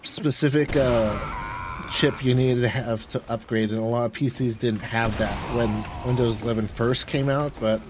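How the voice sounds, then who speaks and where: While streaming a game, a man chats casually and rambles offhandedly in a steady, mid-range voice at normal speed. The recording clearly picks up the game's sounds behind him.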